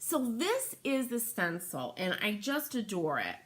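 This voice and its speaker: A middle-aged woman runs a craft livestream from her home workroom beside an open window, stenciling and chatting casually. Her medium-pitched voice swoops wildly up and down at an unhurried pace. She's chatty, greets viewers by name, and thinks aloud as she works.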